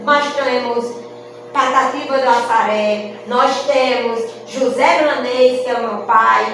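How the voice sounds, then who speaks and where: Her voice is high, slow and fairly even in intonation, echoing as she lectures at a literary festival. She is a cordel poet and speaker from Rio Grande do Norte, Brazil, with an explanatory style punctuated by "não é?". A distant mic picks her up in a reverberant room while music plays in the background.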